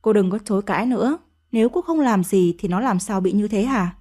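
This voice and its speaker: A woman's voice: mid-range voice, brisk, warm tone, natural voice. A woman voicing a harsh older mother-in-law who scolds and accuses her daughter-in-law in an audio story. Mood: scolding.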